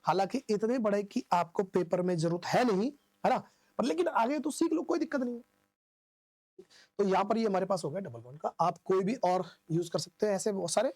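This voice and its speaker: A man's voice: high-pitched, expressive, moderate pace, a little mellow, no echo. A male teacher giving a classroom-style lecture. He asks questions, answers them himself and repeats the key terms in an informal, coaxing way.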